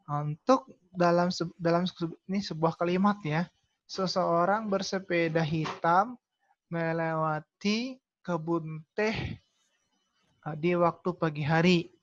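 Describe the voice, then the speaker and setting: A woman tutor teaching an online class, filling her talk with "nah" and asking and answering her own questions. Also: low voice. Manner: calls herself Kakak, many "nah" fillers, asks and answers own questions. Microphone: video call. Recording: lo-fi video call audio.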